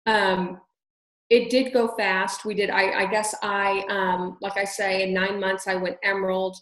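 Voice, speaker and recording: A woman giving casual sales tips on a video call, chatty and bubbly, acting out the pitches she quotes. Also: little pitch movement, unhurried, echoey room, low-quality recording. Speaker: sales team trainer.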